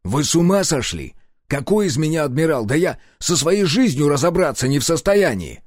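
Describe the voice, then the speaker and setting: A stubborn, reluctant hero, read by a man in an audiobook. He answers bluntly and gruffly, swearing when pressed, and his pitch moves a lot. The sound is dry and close. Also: sing-song, normal speed, no room sound. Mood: defiant.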